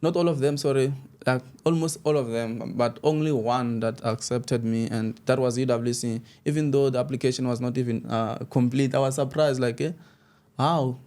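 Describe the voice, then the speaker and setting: A young man from Limpopo, South Africa, with Xitsonga as his first language, speaks at a moderate pace in a steady, medium-pitched, slightly mellow voice. He is the guest in a casual interview, a student media founder, and his rambling answers keep restarting and dissolving into laughs.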